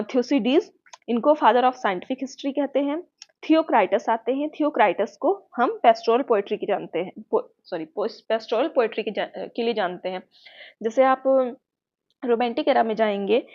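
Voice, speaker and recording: A woman's voice: on the high side, mellow. A woman with an Indian accent giving an exam-prep lecture, explaining patiently and checking in with her students often. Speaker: teacher. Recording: muffled lo-fi sound.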